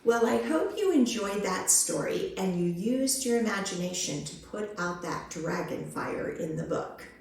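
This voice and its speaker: A children's librarian hosts storytime, expressively reading picture books to young children and giving simple, encouraging instructions. Her medium-pitched voice is expressive and unhurried, with few pauses. The low-quality recording has an echoey room sound.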